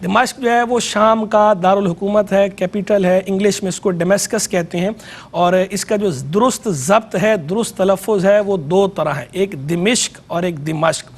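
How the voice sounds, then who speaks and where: A Pakistani religious scholar with a notably high voice gives a televised lesson. He speaks in a measured, explanatory way and repeats key terms so they sink in. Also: fairly even intonation. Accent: Pakistani Urdu. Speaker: religious scholar presenting a TV program. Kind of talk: educational religious lecture.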